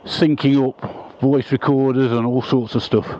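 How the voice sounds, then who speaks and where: A man's voice: mid-range voice, steady tone, a little slow, muffled recording. A man chatting casually as he vlogs from a motorbike, recorded on a mic inside his helmet. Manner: chatty, conversational. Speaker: motovlogger. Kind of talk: casual vlog commentary while riding. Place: outdoors on a motorbike on country roads. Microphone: wireless mic inside a helmet. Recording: band-limited helmet mic, loud wind and engine noise. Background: wind and motorbike noise.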